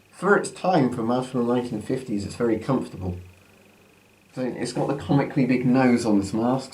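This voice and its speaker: A man's voice: medium pitch, darkish tone. A man talking through a gas mask with a muffled sound, giving a casual unscripted demonstration as a presenter. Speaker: presenter testing military gas masks. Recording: noisy amateur recording with background noise.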